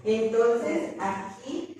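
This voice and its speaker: Slow, patient young woman teaching a class. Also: a little high, warm tone. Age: young adult. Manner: patient, repetitive, quizzes students and has them repeat after her. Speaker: English teacher. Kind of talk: classroom lesson. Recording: very echoey classroom, distant mic, faint hiss.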